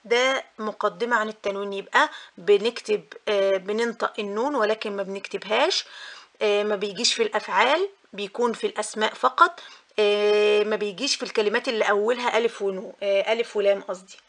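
A woman's voice: medium pitch, fast talker, fairly bright tone. A young woman with an Egyptian accent teaching a grammar lesson for mothers, patient and repetitive, with frequent filler sounds. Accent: Egyptian Arabic. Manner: patient, repeats key points, many filler "ah"s.

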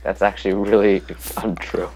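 A man's voice: on the low side, level tone, moderate pace, a little mellow, a little hiss or hum. A young man co-hosting, throwing in teasing, sarcastic remarks. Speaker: co-host.

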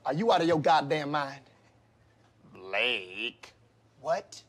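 A man playing a strict, combative middle-aged substitute teacher from an inner-city school in a comedy sketch, stern and husky as he barks at the class. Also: mid-range voice, very animated, takes it slowly. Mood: menacing, exasperated. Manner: stern substitute teacher barking roll call.

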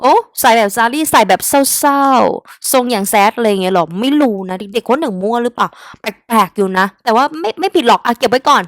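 Fairly high-pitched and brisk, with lively intonation and no room sound, a young Thai-accented woman teaches exam-prep English vocabulary. Chatty as a tutor, she talks right to her students, calling them "kids," and blends English words into what she says.

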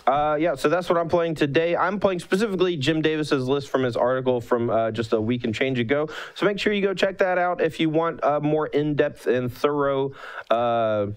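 A man's voice: a little high, moderate pace, smooth, rough recording. A man co-hosting a card game match in casual commentary, joking, laughing often and correcting himself mid-sentence.

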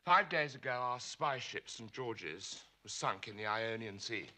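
Grave, commanding official, bright forceful voice. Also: male voice, mid-range voice, expressive, measured pace, full character voice. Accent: British. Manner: grave, commanding briefing delivery. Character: grave senior intelligence official briefing an agent. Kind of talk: film drama acting.

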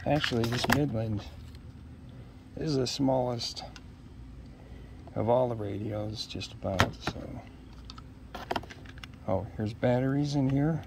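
Outdoors in a leafy yard, a middle-aged man unboxes gear in a casual, unscripted chat, musing to himself in short, hesitant fragments. His medium-pitched voice is gravelly, slow, and full of pauses, with outdoor ambient noise behind it.

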